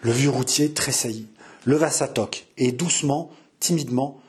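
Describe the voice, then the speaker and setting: A man reading a historical novel aloud in a measured, dramatic storytelling style. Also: mid-range voice, breathy edge. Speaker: audiobook reader. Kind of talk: scripted narration of a historical novel.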